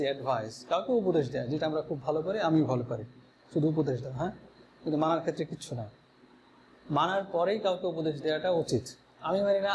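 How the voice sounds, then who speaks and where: Male English teacher, Bangladeshi Bengali accent, high voice, drills spellings and repeats words, faint noise behind him. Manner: drills words and spellings, asks and answers his own questions. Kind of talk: spoken English lesson.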